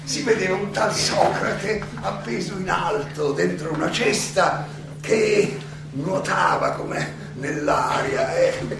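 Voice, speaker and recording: Performed in a full character voice, an old Athenian philosopher on trial speaks, his voice gravelly and high for a man. Amused and wry, the theatrical, conversational monologue is halting and ironic with repeated phrases and chuckles, captured distantly with heavy echo and clear background noise.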